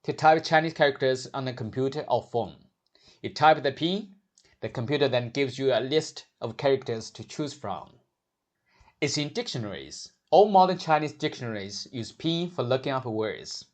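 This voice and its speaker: Measured male Mandarin pronunciation teacher. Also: mid-range voice. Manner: measured, modeling sounds slowly and clearly. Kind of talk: scripted pronunciation lesson.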